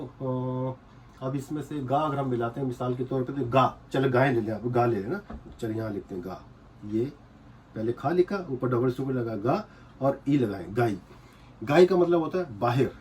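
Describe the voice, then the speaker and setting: A man's voice: medium pitch, a little mellow, slight background noise. Patient man teaching at a whiteboard. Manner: patient, repeats and checks with "theek hai?". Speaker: language teacher. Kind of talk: casual whiteboard lesson.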